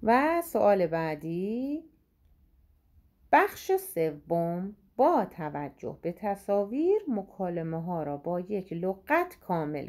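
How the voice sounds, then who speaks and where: A woman teaching, going through exam questions, saying English words slowly and explaining quickly in between. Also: mid-range voice, a little mellow.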